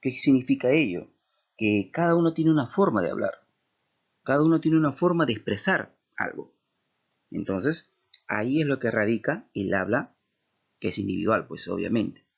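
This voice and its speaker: A male teacher with a Peruvian accent walks his students through a lesson at a steady, explanatory pace. His voice is gravelly and somewhat husky. The recording sounds dull and lo-fi. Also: medium pitch, moderate pace. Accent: Peruvian Spanish. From Peru. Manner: explanatory, with many tag questions. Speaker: language teacher. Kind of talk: classroom lecture.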